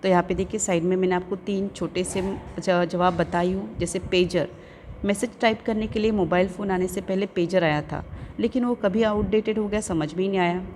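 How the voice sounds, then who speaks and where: A woman's voice: fairly low pitch, steady tone, normal speed, darkish tone, slight background noise. A woman teacher with an Urdu-speaking Indian accent, explaining an English lesson and carefully sounding out English words, repeating each one.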